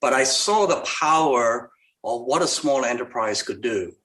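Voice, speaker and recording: An older man from Malaysia speaks as an interview guest. His voice is medium in pitch, and he answers conversationally in a halting way, doubling back on small words. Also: animated, fairly bright tone, rough recording. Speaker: podcast guest, investor.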